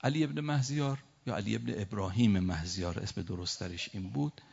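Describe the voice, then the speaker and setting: A low-voiced man delivering a religious sermon. He slows down to recite verses, then explains them with feeling. The recording is dull and lo-fi. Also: vocal fry, a little mellow, slightly rough. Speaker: preacher.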